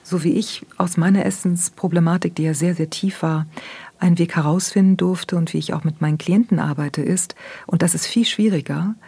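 Woman therapist, low mellow voice, husky and breathy, dry close sound. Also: a little fast, no room sound. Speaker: therapist guest. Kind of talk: reflective conversation.

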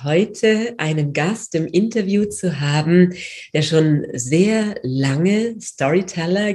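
Low-voiced German woman hosting a podcast. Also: darkish tone. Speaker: podcast host. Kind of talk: podcast interview.

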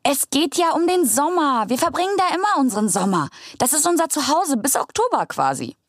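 A friendly, earnest young woman gardener who explains openly, voiced by a woman. Her voice sits high and moves in lively pitch. The recording is dry and close. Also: fairly quick, no echo. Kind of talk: comedic character sketch.

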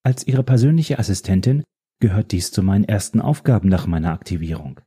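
Prim old-fashioned female assistant, polite and formal, raised voice over a dark timbre, voiced by a man. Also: fairly low pitch, a little fast, breathy edge. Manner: polite, formal, slightly fussy.

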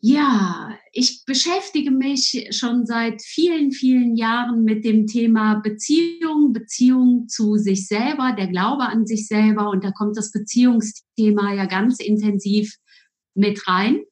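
A woman, a podcast guest, talking about herself in a slow, searching, hesitant way. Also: on the high side, darkish tone. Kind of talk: casual interview talk.

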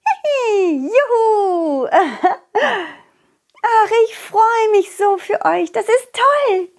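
A sweet little butterfly girl from a children's audio story, put on by a woman, squeaking and giggling. Her voice sits far above a normal woman's and swoops up and down with glee. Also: expressive, very slow, heavily acted. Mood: delighted.

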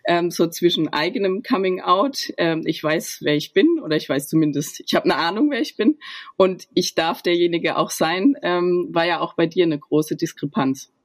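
A woman hosting a podcast, chatting in a casual, upbeat way and often laughing. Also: on the low side. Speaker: podcast host. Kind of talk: casual interview chat.

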